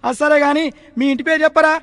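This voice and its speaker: A man's voice: extremely high pitch, steady tone, fast talker, no echo. A man doing a one-man comic sketch, playing a grumpy village schoolmaster who scolds his pupils, in Telangana Telugu. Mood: scolding. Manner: scolding schoolmaster voice, shouting insults. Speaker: mimicry comedian.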